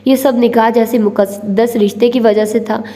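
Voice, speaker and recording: A woman narrating a romantic novel as an audiobook, voicing each character's lines herself with small lifts in pitch. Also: steady tone, normal speed, mellow, in a large hall. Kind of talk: reading a romantic novel aloud.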